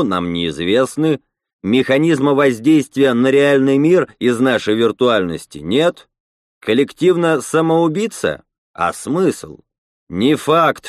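A man reading a story, voicing a male leader who gives a deliberate, measured speech. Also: mid-range voice, no echo, studio quality, close to an everyday voice. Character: male rebel leader Roman, grave measured orator.

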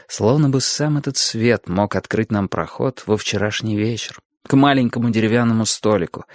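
A man narrating an audiobook in an expressive, measured storytelling manner. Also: on the low side, dry recording, clean studio sound.

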